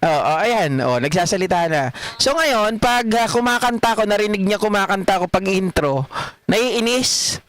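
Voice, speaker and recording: A man's voice: high-pitched, animated, moderate pace, a bit bright, dry recording. A middle-aged Filipino man hosting a political livestream, reading viewer comments in a chatty way and laughing often. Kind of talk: casual live commentary reading chat.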